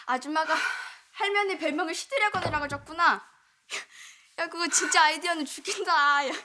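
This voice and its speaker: An actress playing a cheeky, teasing teenage grandchild in a sitcom. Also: female voice, extremely high pitch, moderate pace, pushed and bright, a little hiss or hum. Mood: amused. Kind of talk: sitcom acting.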